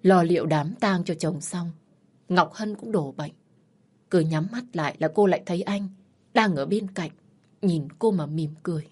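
Husky woman narrating a sad story. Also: lowish voice, normal speed, darkish tone. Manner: somber, emotional storytelling.

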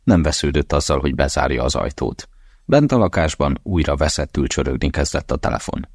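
A man narrating an audiobook in a steady, measured reading. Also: extremely low pitch, no room sound, studio quality. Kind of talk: scripted narration.

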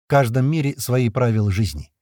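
A man reading the part of a calm, composed colonel from another world, speaking in a measured, persuasive way. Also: medium pitch, dry recording, clean studio sound, lightly acted. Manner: measured, persuasive, level-headed.

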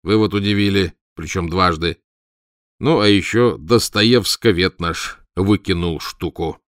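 A man's voice: low-pitched, measured pace, dry recording, clean studio sound. A man voicing a wry, noncommittal middle-aged man.

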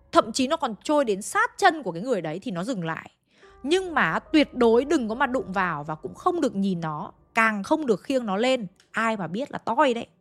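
A woman narrating a ghost story, shifting her pace and loudness to build suspense. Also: on the high side. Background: faint background music.

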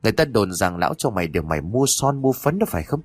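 A man's voice: fairly low pitch, big pitch swings, fast talker, breathy edge, dry recording. A man voicing a jealous, abusive husband who scolds his wife with harsh insults in a storybook horror tale. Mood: enraged.

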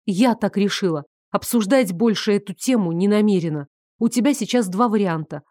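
A woman's voice: medium pitch, normal speed, warm tone, no echo, clean studio sound, close to an everyday voice. A woman reading the part of a firm young woman who speaks curtly, through gritted teeth. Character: firm, cold young woman ending an affair.

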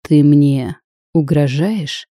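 Woman doing a slow menacing male mage. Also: deep voice, warm tone, dry recording, clean studio sound, lightly acted. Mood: threatening. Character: stern brooding male mage, commanding.

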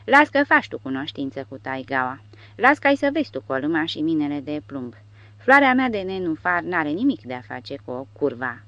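A woman's voice: sits low, sing-song, fairly bright tone, no echo, lo-fi sound, heavily acted. A woman voicing a drunk, blustering male Soviet secret policeman who bellows slogans and threats, in a storybook reading. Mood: drunken bluster.

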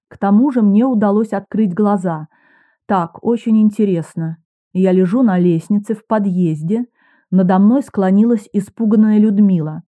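Mellow-voiced woman narrating an audiobook. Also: medium pitch. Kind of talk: first-person scripted narration of a detective novel.

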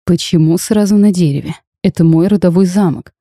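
A woman voices a cursed dragon duke from a storybook, cold, curt and even, lightly acted in a flat, terse, reserved way. The tone is dark, mellow and fairly low, a little fast, and recorded dry and close.

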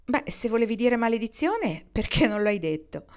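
A woman's voice: a little high, very animated, darkish tone, voice pushed up. A woman reading wry, teasing pioneer woman. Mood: wry, reassuring. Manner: teasing, brisk and reassuring. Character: worldly, wry young woman pioneer traveler.

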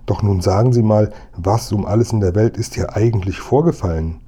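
A man's voice: fairly low pitch, a little fast, warm tone, breathy edge. A man voicing a proper old grandmother who exclaims in indignation. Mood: indignant. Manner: prim, outraged exclamations.

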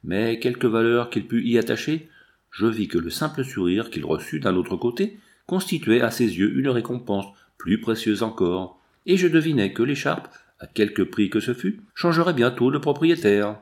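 Male audiobook reader, expressive, animated intonation. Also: medium pitch, normal speed. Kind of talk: scripted narration.

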